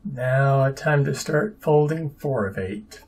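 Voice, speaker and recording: A man's voice: mid-range voice, expressive, slow pace, a little mellow, breathy edge. A man narrating his own papercraft build in a casual, dry, sarcastic and self-deprecating way. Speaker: papercraft hobbyist.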